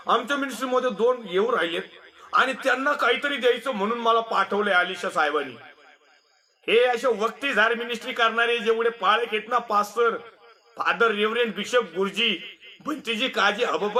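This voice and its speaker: A man's voice: very high voice, bright, forceful tone. A male pastor preaching a sermon in a mocking, scolding way, often laughing as he talks.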